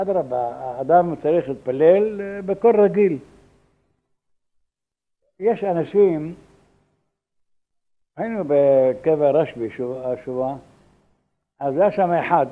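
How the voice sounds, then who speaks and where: Old rabbi on a tinny line. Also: male voice, a little high. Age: older. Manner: halting, repeats words, acts out quoted dialogue. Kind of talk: religious law lesson with anecdotes. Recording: tinny phone-like lo-fi recording.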